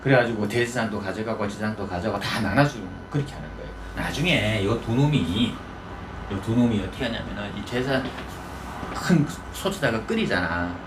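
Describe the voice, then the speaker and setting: A man's voice: fairly low pitch, animated, a little fast, noisy background. A male pastor preaching in a folksy storytelling manner, often asking the congregation questions. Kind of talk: conversational sermon.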